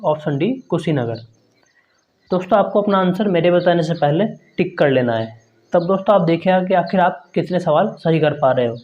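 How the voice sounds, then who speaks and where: Heard through dull, lo-fi audio, a man with a high and somewhat mellow voice runs an exam prep lesson. He reads the quiz questions and options aloud, often speaking to his viewers as friends.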